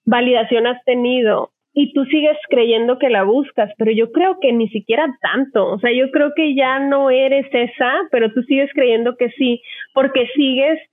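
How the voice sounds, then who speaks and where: High-pitched and husky, this middle-aged psychologist speaks at a normal pace with a Mexican Spanish accent while hosting a laid-back podcast where she explores topics at length. There's no room sound; the audio is dry and narrow, much like a phone.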